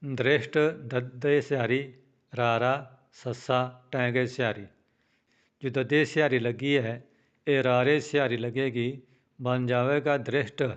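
A man teaching pronunciation of a prayer, chanting verses slowly and then explaining the spelling in a quicker spoken voice, with a Punjabi accent. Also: mid-range voice, steady tone, highs cut off. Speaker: scripture recitation teacher. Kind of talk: pronunciation lesson with chanted recitation.

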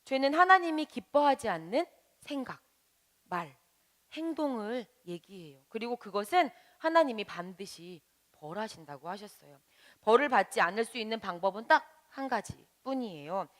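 A woman as a Sunday school teacher, gently explaining a Bible story to children and asking them questions. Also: on the high side, very animated, moderate pace. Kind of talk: children's Bible lesson narration.

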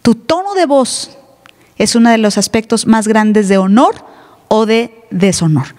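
A woman pastor delivers an emphatic, teasing sermon in church, slipping into other voices as she goes. Her voice sits a little high and a little mellow, with lively intonation and a slightly slow pace. The live reverb of the church hall is audible.

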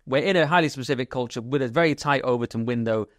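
Male podcast co-host, quick and wisecracking, dry close mic. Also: mid-range voice, no room sound. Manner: fast, jokey, animated riffing. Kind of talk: casual political chat.

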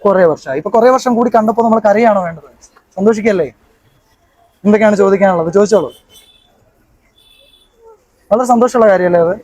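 A man's voice: high-pitched, fast, long pauses, darkish tone, low-quality recording. A young man working as a hypnotist in a demonstration, coaxing his subject and repeating his commands again and again.

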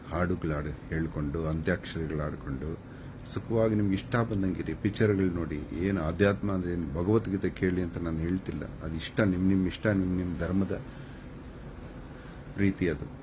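A man's voice: sits low, noisy background. A man hosting a live stream, lecturing his viewers in a preachy, scolding and mocking way. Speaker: channel host giving advice on a live stream.

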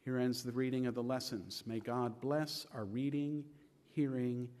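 A male pastor reading scripture aloud in a church service, slow and measured with lifted emphasis. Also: mid-range voice, steady tone, darkish tone. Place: church sanctuary. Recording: long reverb of a church sanctuary.

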